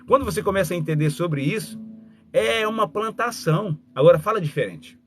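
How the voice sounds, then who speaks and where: A man's voice: high voice, lively intonation, a little fast, soft background music. A man giving a motivational live talk as a communication mentor, speaking straight to his listeners and acting out little dialogues.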